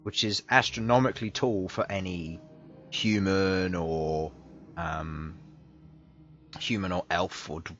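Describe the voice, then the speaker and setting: A man running a tabletop game as game master, describing scenes slowly with many fillers and pauses. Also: low-pitched, fairly even intonation, a bit bright. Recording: dull lo-fi mic, faint music behind.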